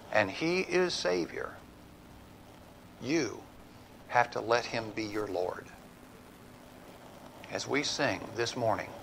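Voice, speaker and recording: Middle-aged man pastor, unhurried sermon delivery, mid-range voice, faint room noise behind. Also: mid-range voice, vocal fry, low-quality recording. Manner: preaching with rising emphasis, then a hushed altar call. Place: church sanctuary.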